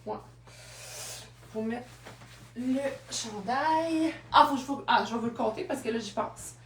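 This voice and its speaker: A woman's voice: a little high, measured pace, far from the mic, a little hiss or hum. A woman with a Québécois French accent, chatting and telling stories while showing second-hand clothes on a live stream. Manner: chatty, storytelling, laughs often. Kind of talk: live-stream selling chat. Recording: roomy sound from off-mic.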